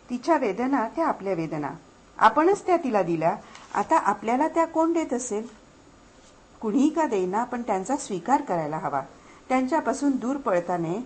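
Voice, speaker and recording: A woman narrating an audiobook story dramatically, her delivery expressive and shifting between hushed and urgent. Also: fairly high pitch, rough recording.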